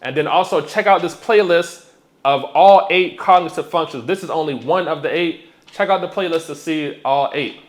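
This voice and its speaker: A man's voice: fairly high pitch, moderate pace. A man, hosting a casual explainer vlog and talking directly with plenty of fillers. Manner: animated, direct, lots of fillers. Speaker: YouTube host. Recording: echoey room.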